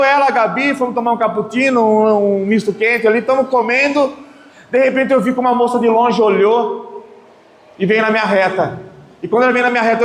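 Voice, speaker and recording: A middle-aged man from Brazil, a lay preacher telling stories in a sermon at a prayer group, dramatic and swinging between loud bursts and soft asides. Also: very high voice. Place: prayer group meeting hall. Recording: echoey hall with long reverb, faint room noise.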